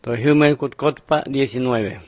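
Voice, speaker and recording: A man narrating numbered Bible picture lessons in a steady, measured reading style. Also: mid-range voice, lo-fi sound, over loud music. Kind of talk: scripted religious narration.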